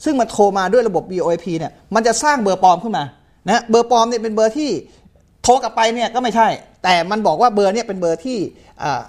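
A man's voice: sits high, animated. A middle-aged man, a police commander, explaining firmly as a guest on a studio talk show. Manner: fast, explanatory, firm.

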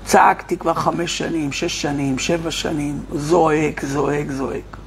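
A man, a rabbi, giving an impassioned online sermon to his viewers, firing rhetorical questions and swinging from loud cries to a near hush. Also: on the high side, fairly even intonation, slight background noise. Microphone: streaming to online viewers.

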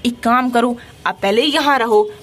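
A woman narrating a toy play story as a caring big sister, talking in an animated, exclamatory way. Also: on the high side, measured pace.

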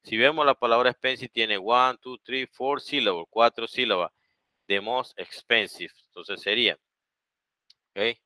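Panamanian guy teaching english grammar, slow and deliberate, keeps asking "okay?", dry close sound. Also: medium pitch, fairly even intonation, pushed and bright, dry recording, low-quality recording. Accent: Panamanian Spanish. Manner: switches between English and Spanish, many "okay?" and "¿verdad?" checks; speeds up for Spanish translations. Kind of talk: bilingual online grammar lesson.

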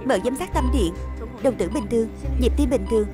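A woman giving a single-voice dub reading of a drama, reading every role in an even, plain way. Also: fairly high pitch, brisk. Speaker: voice-over dubbing narrator. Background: drama soundtrack music.

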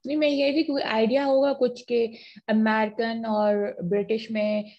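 Husky woman lecturing online. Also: fairly high pitch, little pitch movement, a little slow, lo-fi sound. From Pakistan. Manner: mixes English phrases into Urdu, asks students questions. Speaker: university lecturer. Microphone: video call.

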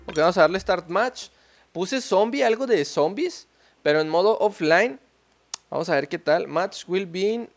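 Excitable Mexican man, high voice. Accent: Mexican Spanish. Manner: excitable, slangy, talks to himself while playing. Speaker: gameplay streamer. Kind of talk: casual gameplay commentary. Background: faint game music.

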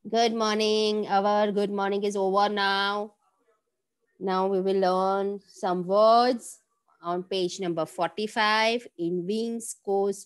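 A young woman with an Indian English accent teaching a kindergarten class online, explaining slowly and switching between Hindi and English. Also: mid-range voice, clear, resonant tone. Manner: slow, drawn-out explaining, mixing Hindi and English.

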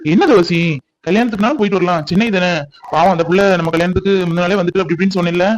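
A man voicing a gentle young husband in a cartoon, comforting his crying wife. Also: high-pitched, steady tone, racing, a little hiss or hum, natural voice, rough recording. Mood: reassuring. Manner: comforting, coaxing. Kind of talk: cartoon voice acting.

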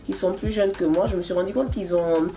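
A young woman hosting a casual interview, chatty and quick to laugh, seated in a bright room. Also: mid-range voice. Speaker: host.

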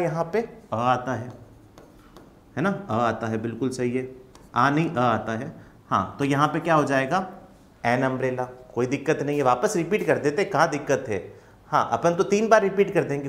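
A young Indian man teaching English grammar in an online class, patient and reassuring, asking questions and then answering them himself. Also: mid-range voice.

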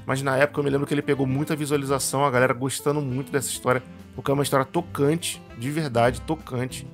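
A man hosts his channel and talks straight to the viewer in a relaxed, rambling way. His pitch sits in the middle. Soft guitar music plays quietly behind him. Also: quick pace. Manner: relaxed and chatty, repeats words while searching for them. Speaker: channel host. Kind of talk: casual spoken commentary to camera. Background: faint guitar music.

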